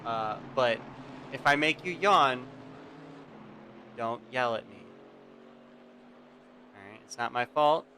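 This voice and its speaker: A man's voice: medium pitch, animated, takes it slowly, long pauses, pushed and bright. A man hosting a live sim racing stream, giving casual race commentary and chatting directly to his viewers. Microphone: home streaming mic. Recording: game car engine noise behind voice. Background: racing game engine and track sounds.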